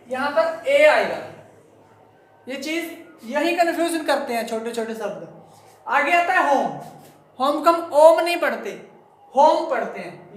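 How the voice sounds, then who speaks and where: A man teaching English grammar to students, repeating words slowly and speaking to the class directly. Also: very high voice. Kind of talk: classroom lesson explaining to students. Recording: very echoey room.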